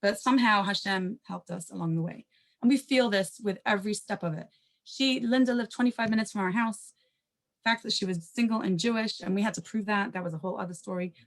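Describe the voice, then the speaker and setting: On a panel, a mid-range-voiced woman rapidly narrates something personal in a conversational way, correcting herself, going off on asides, and using Hebrew expressions.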